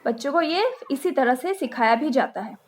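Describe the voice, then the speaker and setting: A woman from India hosting a channel, teaching phonics to parents and spelling letters out and repeating sounds slowly, with an Indian accent. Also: high-pitched, animated. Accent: Indian English. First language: Hindi.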